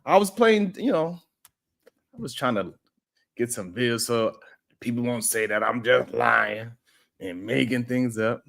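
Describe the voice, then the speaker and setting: A man's voice: mid-range voice, expressive, measured pace, gravelly, pauses often, fairly bright tone. A man hosting a casual livestream, talking loosely and rambling as he greets viewers in the chat and chuckles often.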